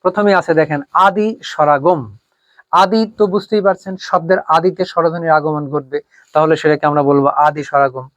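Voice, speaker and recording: A man's voice: a little high, steady tone, brisk, no echo. Patient man teaching grammar, dry close mic. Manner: patient, explains step by step and asks rhetorical questions. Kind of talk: online grammar lesson. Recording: dry, slightly dull close-mic sound.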